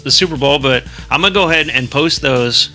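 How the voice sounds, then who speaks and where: A man co-hosting a laid-back podcast, his voice very bright and cutting. He talks loosely, full of fillers and swearing, joking with his friends. Faint music sits under the talk. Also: medium pitch, fairly quick. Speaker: podcast co-host. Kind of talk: casual chat.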